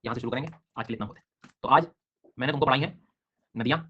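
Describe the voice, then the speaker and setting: A man runs an online geography class, talking very fast and calling on students by name. His comes through as he explains and questions them. The recording is dull and lo-fi. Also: medium pitch, bright, forceful tone, breathy edge. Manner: brisk, quizzing students by name. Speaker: teacher.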